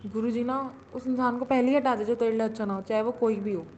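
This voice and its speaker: A woman's voice: fairly high pitch, little pitch movement, fast, darkish tone. A young woman in her late teens giving an earnest devotional testimony. She often repeats herself and starts her sentences over. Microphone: self-recorded audio. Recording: muffled lo-fi audio with faint hiss.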